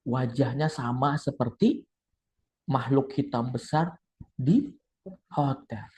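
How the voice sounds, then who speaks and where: Man doing a hushed, haunted young woman. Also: medium pitch, a little hiss or hum, natural voice. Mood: hushed, frightened. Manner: slow, hushed, halting. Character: frightened young woman pilgrim, haunted and confessing.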